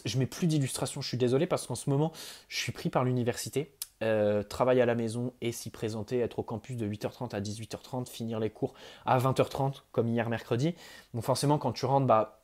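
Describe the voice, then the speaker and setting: A young man talks to camera for his channel in a loose, chatty way. His voice sits at an ordinary middle pitch, and he stumbles through fillers and restarts as he gets carried along. He sounds like a student vlogger chatting with his audience. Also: darkish tone. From France. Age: young adult. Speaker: YouTuber. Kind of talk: casual vlog address to viewers.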